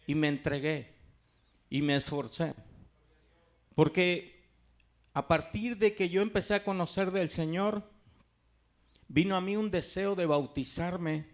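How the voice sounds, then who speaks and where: Fervent, gravelly man's testimony. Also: a little high, darkish tone. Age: middle-aged. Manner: earnest, fervent, pauses and restarts. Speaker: church member giving testimony. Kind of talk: personal church testimony.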